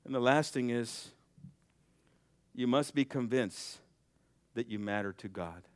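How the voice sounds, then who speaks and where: Recorded close and dry with no echo, a young preacher with a smooth, resonant voice moves at a measured pace through his sermon. He builds to soaring, almost shouted peaks of exhortation, then falls to a low, hushed intimacy to press his point.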